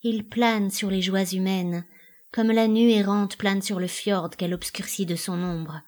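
A woman's voice: mid-range voice, fairly even intonation, unhurried, darkish tone, lightly acted. A woman voicing an anguished married woman in a dramatic play reading, pleading with panicked outbursts. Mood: brooding.

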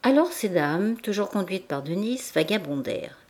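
A woman narrating a classic novel as an audiobook in a measured, even literary reading. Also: mid-range voice. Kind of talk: scripted narration.

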